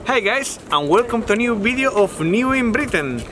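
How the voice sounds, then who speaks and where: A man's voice: very high voice, normal speed, soft background music. A young man hosting a vlog, upbeat as he introduces the video and interviews people on the street. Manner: upbeat, lively. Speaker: host.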